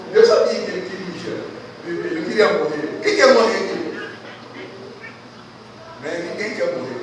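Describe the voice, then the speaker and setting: A man from Brazil preaching a sermon, emphatic and quizzing the congregation as he cites scripture. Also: high-pitched. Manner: emphatic, asks the congregation questions and quotes scripture. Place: church hall. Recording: echoey church hall from far off, noisy.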